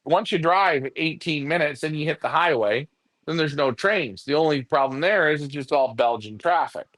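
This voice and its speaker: A man co-hosting a pigeon racing show chats casually in a slightly high, fairly bright voice at normal speed, with no echo. He rambles through stories as he goes and puts on voices whenever he quotes someone.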